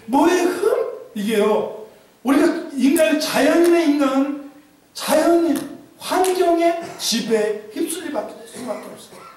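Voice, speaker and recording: High-pitched preaching man in echoey hall. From Chungcheong, Korea. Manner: animated preaching with humor and mimicked dialect. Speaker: pastor. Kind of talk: sermon. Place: church sanctuary. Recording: echoey church hall from a distance.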